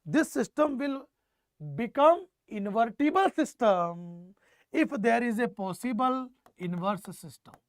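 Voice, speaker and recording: A man's voice: very high-pitched, expressive, takes it slowly, no echo. A man with a North Indian accent delivers an exam-prep lecture. He restates phrases for emphasis and keeps putting questions to his students. The sound is dry, with very little room in it. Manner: mixes Hindi phrases into English. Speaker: teacher.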